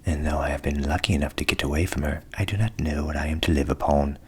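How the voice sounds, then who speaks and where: A man voicing a weary, self-pitying old female cat from a storybook, plaintive and soft-spoken in a low, creaky half-whisper. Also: steady tone, fast talker, heavily acted. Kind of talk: storybook character voice in ASMR reading.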